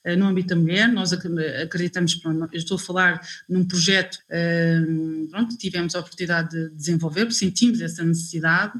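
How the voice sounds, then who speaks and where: A woman's voice: lowish voice, fairly even intonation, brisk, fairly bright tone. A woman from Angola, speaking on a discussion panel, hesitant and searching for her words with many fillers.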